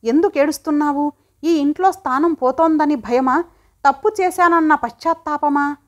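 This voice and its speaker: A woman's voice: sits high, moderate pace, natural voice. Woman voicing a proud cutting housewife. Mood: cold questioning. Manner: cutting, confrontational. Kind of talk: audiobook drama reading.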